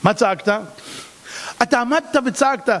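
A rabbi delivers a sermon in a voice pitched high for a man. He swings between loud outbursts and quiet pleading. The sound rings with the long reverb of a large hall. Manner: animated, swings between shouting and hushed pleading.

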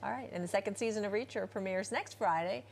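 A woman co-hosting a TV news show, asking questions in a bright, upbeat way in a studio. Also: mid-range voice, fast, gravelly, a crowd in the background. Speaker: morning news co-host. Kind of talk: TV studio interview.

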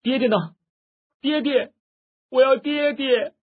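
Male narrator as a young girl, tearful and shrill, lo-fi phone-quality audio. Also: fairly even intonation, slow pace, husky, heavily acted. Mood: wailing. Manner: high-pitched wailing sobs. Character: weeping young girl calling for her father.

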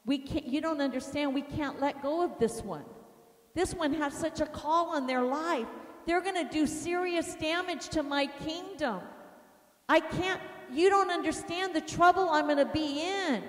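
Brief: woman doing a tearful, desperate demon, high voice, echoey hall. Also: unhurried. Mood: pleading. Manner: pleading, tearful. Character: weeping frightened male demon pleading. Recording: roomy hall reverb.

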